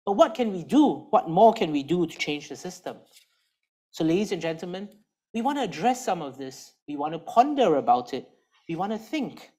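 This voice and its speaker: A woman hosting an event, opening with emphatic rhetorical questions and deliberate pauses. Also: on the low side, big pitch swings, dark tone. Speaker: event host.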